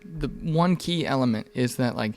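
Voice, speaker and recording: A man in his mid twenties with a medium-pitched voice talks at normal speed on a podcast. The conversation is casual and candid, and he rambles informally and earnestly, swearing now and then.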